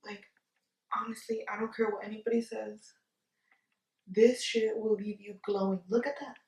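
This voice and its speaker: Sounding giggly and drunk, a beauty vlogger talks through a relaxed makeup tutorial, playful and exclamatory, with plenty of slang. She has a medium-pitched, slightly mellow voice, flat delivery and normal speed. She's far from the mic in an echoey space.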